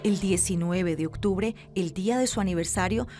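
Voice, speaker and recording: A woman with a Colombian accent giving measured, grave, scripted narration for an investigative news report. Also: medium pitch, loud music behind the voice.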